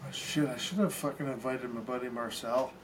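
A man's voice: mid-range voice, steady tone, fairly quick, a little hiss or hum, low-quality recording. A man co-hosting a casual live stream, tossing out short quips and swearing casually. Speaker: co-host.

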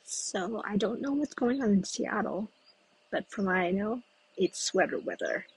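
An expressive, husky voice of medium pitch comes across on a rough recording. The US-raised podcast host rambles through a solo chat outdoors amid breeze and passers-by, meandering and pausing while thinking aloud.

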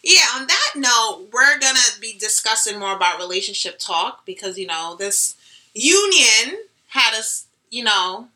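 A young woman co-hosting a casual chat show, animated and slangy, laughing often. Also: medium pitch, poor audio. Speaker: podcast co-host.

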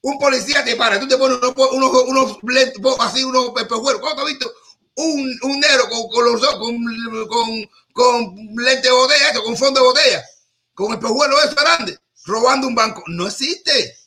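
At a moderate pace, a man rambles through a joking talk-show monologue, his high voice very bright and forward. He trips over words, repeats and restarts, then hammers the point home.

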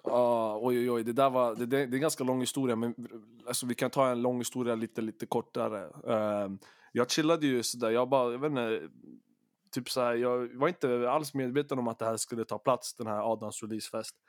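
A man's voice: medium pitch, steady tone, no echo, clean studio sound. A man co-hosting a podcast, telling a long story in a casual, rambling way, full of fillers and slang. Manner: rambling, lots of fillers and acted-out quotes, Swedish slang. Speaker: podcast co-host.

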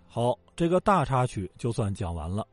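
A man's voice: medium pitch, very animated, normal speed, dry recording. A man telling history in a casual, joking storytelling way, with colloquial asides. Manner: colloquial and joking, with acted quotes. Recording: dry close mic with faint background music.

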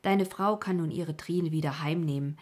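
A no-nonsense country doctor in a storybook, read by a woman gives his verdict plainly and practically. The voice is low and husky. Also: normal speed, a little mellow. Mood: matter-of-fact. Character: satisfied, matter-of-fact country doctor.

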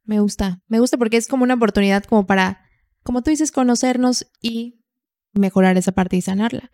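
A woman's voice: on the high side, a little fast, darkish tone, no echo, clean studio sound. A woman hosting a podcast, asking curious questions and giving short affirmations. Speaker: podcast host. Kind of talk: podcast conversation.

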